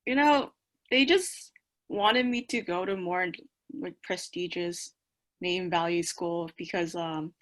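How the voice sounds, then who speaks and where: A South Korean woman in her early twenties, who moved to the US at eleven, casually answers interview questions as a college student on a video call. She's in a small bedroom indoors, speaking slowly in a lowish voice with a fairly bright tone.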